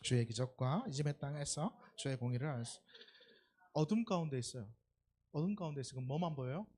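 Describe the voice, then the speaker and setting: With a warm, slightly rough mid-range voice and a fairly quick pace, a preacher gives a Sunday worship sermon in church. The talk is conversational, with questions to the congregation and acted-out quoted dialogue.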